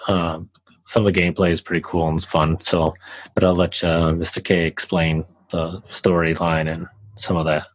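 A man's voice: deep voice, normal speed, low-quality recording. A young man co-hosting a podcast, chatting loosely about a game he played, with fillers and restarts. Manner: relaxed, rambling with fillers and restarts. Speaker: podcast co-host. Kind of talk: casual game review chat.

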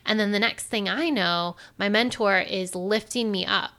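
A woman casually telling a personal story, animated and acting out the dialogue. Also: mid-range voice, moderate pace. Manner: animated, acts out quoted dialogue.

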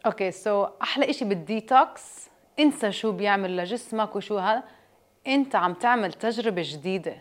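A woman with a Jordanian Arabic accent speaks casually as an interview guest, switching between Arabic and English phrases. Her pitch sits in the middle range, and she comes across as candid and sure of herself. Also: lively intonation, quick pace. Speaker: interview guest, detox juice business owner. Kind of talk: casual conversational interview answers.

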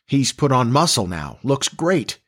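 With his voice pushed up from a medium pitch and a slightly slow pace, a man plays a storybook's starry-eyed nineteen-year-old farm boy. The character comes across as eager, excitable, folksy, and boyish.

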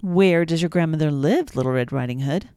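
A woman voicing a gruff, wicked male wolf in a storybook reading, in a deep, dry voice. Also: expressive, fairly quick, dark tone, no room sound. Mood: sly.

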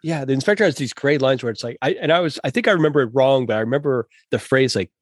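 A man's voice: medium pitch, expressive, fast, dry recording, clean studio sound. Man chatting casually about a film. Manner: thoughtful, rambling with restarts. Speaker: podcast co-host.

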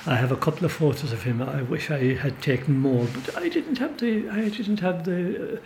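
A man's voice: fairly high pitch, expressive, normal speed, vocal fry, darkish tone, slight background noise. An older Irish man with a Kerry accent, telling rambling, emphatic anecdotes as an interview guest in the back of a pub. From Ireland. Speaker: storyteller and folklorist guest. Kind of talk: relaxed conversational storytelling.

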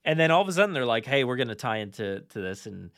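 A man's voice: medium pitch, very animated, quick pace, fairly bright tone, no room sound, clean studio sound. A man hosting a podcast, chatting casually and enthusiastically, animatedly acting out his own reactions. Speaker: podcast host.

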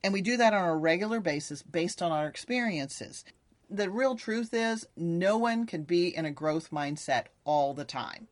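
A woman's voice: lowish voice, lively intonation, moderate pace, no room sound. A woman explaining mindset techniques in an upbeat coaching tone, in a casual podcast conversation.

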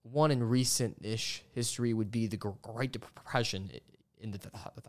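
An enthusiastic podcast host interviews a guest in a casual conversation, stammering by repeating sounds and syllables. His voice is lowish and moderately paced.

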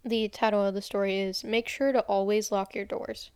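A woman's voice: mid-range voice, flat delivery, moderate pace, a little mellow, clear, resonant tone, no echo, clean studio sound. A young woman co-hosting a podcast, chatting casually and reading creepy stories aloud with occasional giggles. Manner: giggly, reads in a plain storytelling voice.

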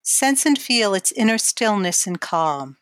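Calm woman guiding meditation, dry close sound. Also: mid-range voice, no echo. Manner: calm, measured, instructional. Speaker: guided imagery instructor. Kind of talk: guided meditation instruction.

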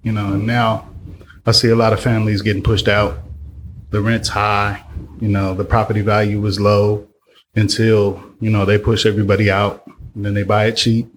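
A man in his forties from Oakland, a podcast guest, talking in a slow, reflective way. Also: fairly low pitch, flat delivery, slight background noise. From Oakland, California. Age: 40s. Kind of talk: casual podcast chat.

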